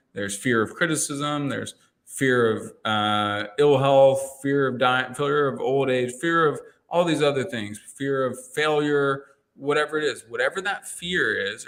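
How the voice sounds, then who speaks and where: A man talking as an interview guest and coach, telling lively stories and acting out his own inner dialogue, with frequent restarts. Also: medium pitch. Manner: energetic storyteller, acts out quoted inner dialogue; rambling restarts and repeated words. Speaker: guest, NLP coach and entrepreneur mentor. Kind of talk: casual interview conversation.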